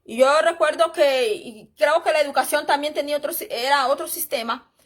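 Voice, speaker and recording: A high-pitched, middle-aged woman teaches church history in a loose, rambling way. She reads short passages aloud, then drifts into chatty asides, warmly calling her listeners brothers and sisters. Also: brisk. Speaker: Bible teacher. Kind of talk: informal church history lesson, reading aloud and commenting.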